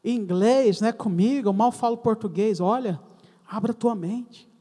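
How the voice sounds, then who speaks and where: A middle-aged Brazilian man with a very high voice preaches a testimony sermon. He speaks in a Brazilian accent, tells his story, calls the congregation brothers and acts out both sides of each conversation. His voice rings with long reverb through a church hall. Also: normal speed, mellow. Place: church sanctuary.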